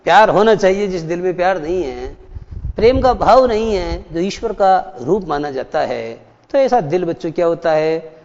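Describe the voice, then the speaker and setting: A man's voice: high-pitched, animated, moderate pace, darkish tone. A man teaching a lesson, explaining and asking students questions, repeating key points. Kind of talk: classroom lecture. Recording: dull echoey hall.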